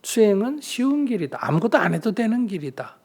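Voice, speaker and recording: A man's voice: high-pitched, fairly quick. A man, a Buddhist monk answering questions in a dharma talk, teaching through rhetorical questions and small acted-out dialogues. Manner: lively rhetorical questions, acts out little dialogues.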